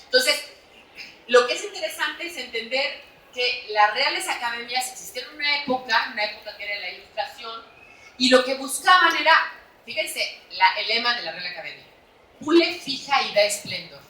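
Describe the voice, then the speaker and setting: A Mexican author gives a lively, chatty talk at a book fair, keeping her delivery animated and tagging sentences with quick "¿no?" questions to the audience. Her voice is a little high and comes from off-mic. The large hall makes for an echoey recording.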